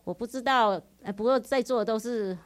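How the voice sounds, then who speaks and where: A woman in her forties with a Taiwanese Mandarin accent gives an earnest, emotional personal religious testimony at a retreat, full of interjections. Her voice is on the high side and brisk.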